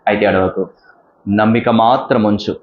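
A man's voice: fairly low pitch, fairly even intonation, normal speed, narrow, tinny audio, a little hiss or hum. Fervent male preacher in a roomy hall. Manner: preaching with rising fervor, repeated appeals. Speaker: pastor. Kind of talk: sermon.

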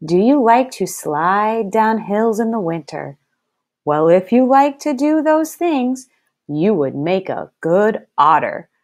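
Leading a read-aloud lesson, a first-grade teacher speaks slowly and deliberately, enunciating every word clearly for her young listeners. Her voice is middling in pitch for a woman, with a sing-song, darkish quality and an instructive manner.

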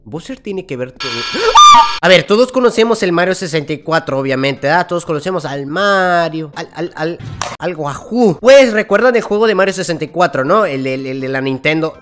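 A man with a Mexican accent commenting on a horror game as he plays, jumpy and full of slang, who yells and laughs when something startles him. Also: on the high side, expressive, normal speed, slight background noise. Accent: Mexican Spanish. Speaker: gaming YouTuber.

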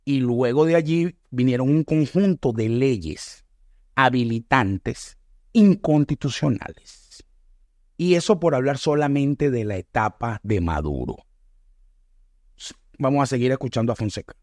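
A middle-aged man with a Venezuelan accent talks politics in an earnest, emphatic way, pressing on key words and then rushing ahead. His voice sits at a middle pitch. The sound is dry and close to the mic. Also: lively intonation, darkish tone, no echo. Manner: earnest, emphatic, speeds up and slows for stress. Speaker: political commentator reacting to a video. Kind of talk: video reaction commentary.

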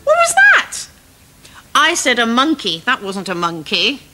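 A middle-aged woman playing a brisk, fond but exasperated scout leader in a children's comedy, giving bossy, patient instructions outdoors. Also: on the high side, huge pitch swings, over loud music. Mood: instructing. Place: outdoor garden set.

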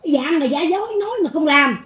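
An older woman with a Southern Vietnamese accent talks in a high, rapid voice. She is coarse and blunt and scolds as she goes. The room rings with echo. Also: expressive, fairly bright tone. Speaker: folk religious teacher. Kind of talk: blunt casual monologue.

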